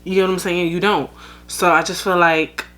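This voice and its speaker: Speaking at normal speed in a lowish, level voice with a sharp tone, a young US woman gives casual solo commentary as a podcast host. She's frank with her audience and scatters fillers and asides throughout.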